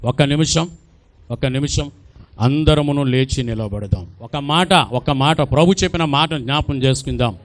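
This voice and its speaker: A man preaching an Easter sermon as pastor. He speaks emphatically, repeats his phrases, asks the congregation questions and builds to loud exclamations. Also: medium pitch, moderate pace. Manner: addresses the congregation directly with questions.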